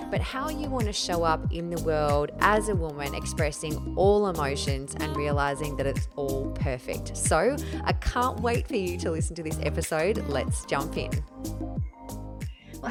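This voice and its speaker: A woman hosting a podcast, speaking in a warm, encouraging, affirming way. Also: on the low side. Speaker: podcast host. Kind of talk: podcast intro and interview.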